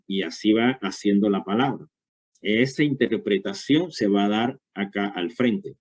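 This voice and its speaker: A man's voice: fairly low pitch, darkish tone. A man giving a university lecture, explaining step by step and checking understanding with frequent short questions.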